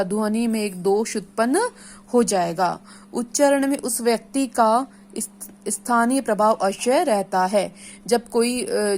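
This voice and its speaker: A woman's voice: fairly high pitch, darkish tone. Woman lecturing, repeating each point. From India. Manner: explains each point, then repeats and restates it in plain terms. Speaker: assistant professor lecturing teacher trainees. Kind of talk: classroom lecture.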